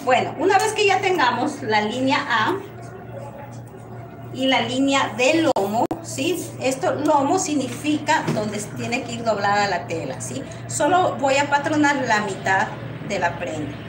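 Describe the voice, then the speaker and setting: High-voiced Ecuadorian woman teaching sewing. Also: expressive, unhurried, over music. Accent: Ecuadorian Spanish. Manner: warm blessings and greetings, frequent "¿sí?" check-ins. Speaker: sewing instructor. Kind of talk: live-streamed sewing lesson. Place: small sewing workshop indoors. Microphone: lapel mic on a camera set back. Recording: echoey room, distant mic, noisy.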